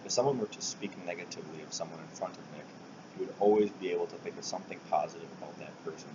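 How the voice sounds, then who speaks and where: Casting: male eulogist, very deep voice, solemn scripted reading with soft trailing phrase ends, captured in dull lo-fi sound. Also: racing. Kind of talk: prepared eulogy speech. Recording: dull lo-fi recording, loud air-conditioning hiss.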